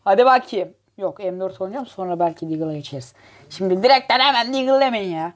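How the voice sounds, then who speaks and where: A woman giving excitable, joking gameplay commentary as host of her gaming channel, teasing and cursing at rival players. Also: medium pitch, quick pace.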